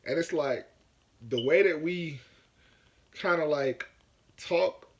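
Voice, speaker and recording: A man from Africa talks through his opinion of a film in a loose, rambling vlog style. He circles back and repeats points, leaning on "like" as filler. His voice sits a touch higher than most men's. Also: slow pace, highs cut off. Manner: rambling, repeats himself, lots of "like". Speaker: vlogger reviewing a movie. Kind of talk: casual movie review vlog.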